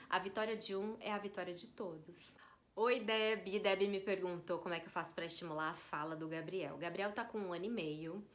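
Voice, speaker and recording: A woman talks straight to her viewers in a relaxed vlog. Her voice is bright and clear, set at an ordinary pitch for a woman. She chats easily and keeps checking in with her listeners. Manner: chatty, addresses viewers directly with frequent tag questions. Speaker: vlogger answering viewer questions. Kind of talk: casual advice chat to camera.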